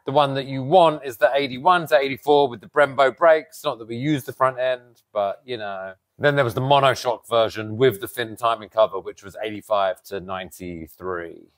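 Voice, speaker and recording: Man, thirties, animated show-and-tell, gestures as he explains, outdoors, lapel mic. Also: medium pitch, normal speed, hardly any pauses. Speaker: custom motorcycle builder. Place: outdoors by a garage door.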